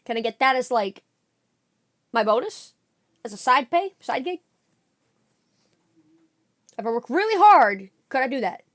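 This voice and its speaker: A young woman streaming a reaction video, chatting casually in an excitable, slangy way while snacking. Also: high voice, unhurried, pauses often.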